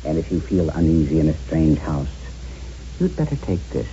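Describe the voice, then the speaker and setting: An actor playing a genial, eccentric castle owner with a theatrical, musing manner in a radio drama. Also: male voice, extremely low pitch, very animated, normal speed, mellow, heavily acted. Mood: genial, mysterious. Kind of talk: 1970s radio drama acting. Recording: dull lo-fi radio recording, faint noise.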